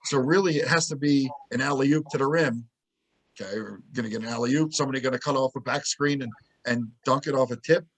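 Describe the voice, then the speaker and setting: A man co-hosting a sports podcast, telling game stories in a lively, casual way and acting out what people said. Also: medium pitch, a little fast. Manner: animated storytelling, acts out quotes. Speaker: podcast co-host.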